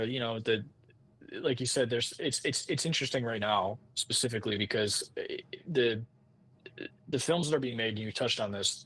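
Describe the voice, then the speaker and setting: A composer appearing as a podcast guest talks in a mid-range, slightly bright voice. His casual interview chat is informal and rambling, often circling back to restate phrases.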